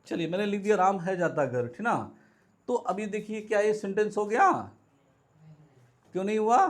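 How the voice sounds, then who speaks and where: A man's voice: high-pitched, normal speed. A man teaching a grammar lesson to students in a classroom lecture, who asks and answers his own questions and repeats the key words. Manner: calls students "beta". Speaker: English teacher.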